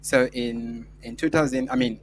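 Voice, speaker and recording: This Mozambican interview candidate, whose first language is Portuguese, speaks at normal speed in a medium, sing-song voice with some vocal fry. Responding to a mock scholarship interview, he stays formal and earnest but fills his answers with frequent filler sounds, over slight background noise.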